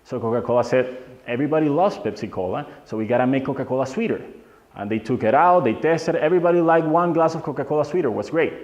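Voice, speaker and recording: A young man leads a workshop, his English loose and friendly as he quizzes the crowd with quick questions. His voice sits in a middle pitch and carries through a roomy meetup hall, picked up on a slightly muffled recording. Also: a little mellow. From Venezuela. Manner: loose, non-native phrasing, asks the audience questions. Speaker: workshop speaker. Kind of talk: live workshop lecture.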